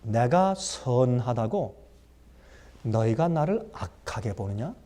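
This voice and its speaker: A pastor voicing a deep, solemn vineyard master. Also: male voice, very animated, mellow. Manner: slow, solemn. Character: calm, gracious vineyard master, older man.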